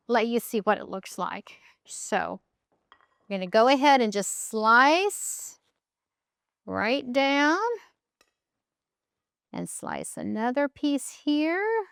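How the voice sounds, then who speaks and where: A woman's voice: sits high, clean tone, no room sound, clean studio sound. A woman hosting a home cooking demonstration, chatting and thinking aloud as she decorates a cake in her kitchen. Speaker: cooking show host.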